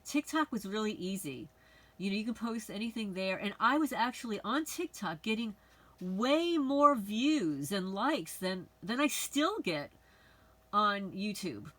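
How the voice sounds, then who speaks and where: A woman's voice: medium pitch, big pitch swings, a little slow, fairly bright tone, rough recording. A middle-aged woman from the Bronx, talking to her channel's viewers in a rambling, frank, conversational monologue. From the Bronx, New York. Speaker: channel host. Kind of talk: casual personal monologue.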